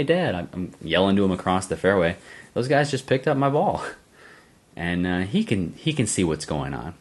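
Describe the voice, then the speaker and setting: A man hosting his own channel, casually telling a story to viewers, often chuckling and calling them guys. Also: deep voice. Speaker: channel host.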